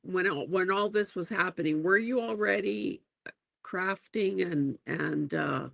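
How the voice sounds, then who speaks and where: A woman hosting a livestream interview, responding slowly and thoughtfully with many fillers. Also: lowish voice, vocal fry, fairly bright tone, dry recording. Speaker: host.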